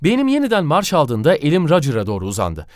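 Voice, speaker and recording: A man narrating a scripted animated story in an expressive, dramatic manner. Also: on the high side, fast talker, no room sound, clean studio sound.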